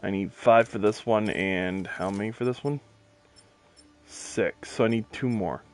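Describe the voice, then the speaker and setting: A man playing through a video game and talking over it in a quiet, unhurried mutter. He speaks very slowly, and faint game music plays underneath. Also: on the low side. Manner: quiet, muttering to himself, with bursts of swearing. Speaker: gameplay streamer. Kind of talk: casual game commentary.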